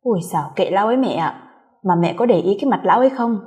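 A woman's voice: medium pitch, animated, very fast, mellow, natural voice. A woman voicing a gossipy young sister-in-law who brushes her brother off. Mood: dismissive. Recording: long hall reverb.

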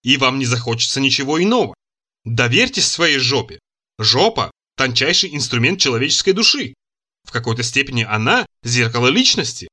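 A man's voice: mid-range voice, very animated, fairly quick, pushed and bright. A man reading a suave, courteous scientist. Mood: smooth, courteous. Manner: courteous, smooth and persuasive. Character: suave polite male lab scientist, smooth talker. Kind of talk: audiobook character reading.

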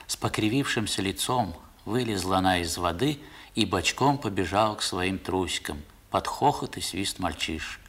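An actor narrates a 1960s radio play as a man recalling his boyhood, measured, literary and reflective in tone. His voice sits low with a slightly bright quality.

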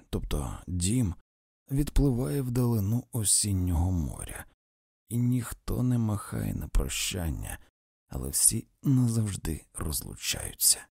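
A male audiobook reader narrating a literary story slowly and expressively. His voice is dark, gravelly and husky, and his pitch moves widely. The recording is close and dry. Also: big pitch swings, no room sound.

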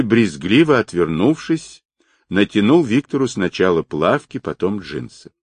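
Deep-voiced male audiobook narrator. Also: dry recording. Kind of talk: scripted narration.

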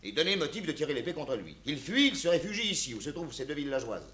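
A haughty, smooth-talking army captain. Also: male voice, a little high, very animated, fast talker, bright, forceful tone. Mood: explaining. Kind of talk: 1950s stage radio drama. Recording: roomy old stage recording.

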